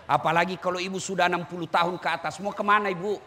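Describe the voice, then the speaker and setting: A man preaching a lively sermon, teasing and shouting at the crowd. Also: high voice, very fast, slight background noise. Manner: teasing, shouting and singing to the audience. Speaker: Islamic preacher. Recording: echoey hall with faint ambience.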